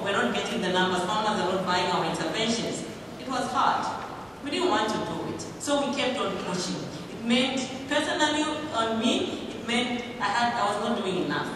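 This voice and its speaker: A woman's voice: medium pitch, noisy background. A woman from Zambia in her thirties, candidly telling an audience about a project that struggled, with rhetorical questions. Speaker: development project coordinator speaking at a public event. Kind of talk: personal talk to an audience. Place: large hall with an audience. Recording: echoey hall, speaker far from the mic.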